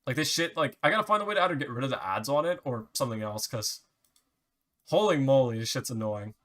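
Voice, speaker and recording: A man's voice: medium pitch, lively intonation, fast, fairly bright tone. A young man ranting casually to camera, swearing often and restarting his sentences. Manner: profane, rambling rant with many restarts. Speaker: vlogger.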